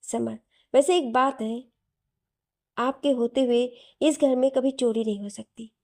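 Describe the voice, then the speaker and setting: A woman voicing a calm, gentle young man in a storybook reading. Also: on the high side, unhurried. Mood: reassuring. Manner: calm, reassuring.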